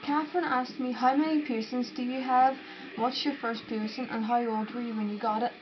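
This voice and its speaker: Her voice sits on the high side, steady in tone and fairly quick, as this young woman from Northern Ireland, with a Northern Irish accent, chats to camera and answers viewers' questions. She rambles with fillers and restarts, and the lo-fi sound is dull with noticeable background noise.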